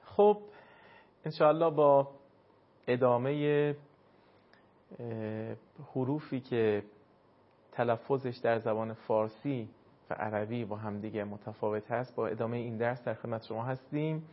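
Man, recitation teacher, patient explaining, mid pitch, muffled lo-fi recording. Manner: patient, explains and demonstrates sounds slowly. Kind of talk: instructional lesson. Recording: dull lo-fi recording.

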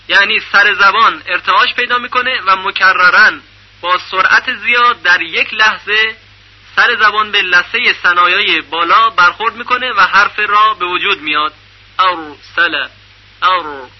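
High, husky-voiced man teaching recitation. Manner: measured explaining, repeating syllables to demonstrate. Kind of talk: radio lesson on recitation rules. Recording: dull lo-fi radio recording.

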